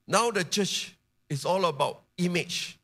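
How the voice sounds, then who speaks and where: A man preaching a charismatic sermon to his congregation, building to emphatic shouts and dropping into chatty asides. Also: sits high, unhurried. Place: church service.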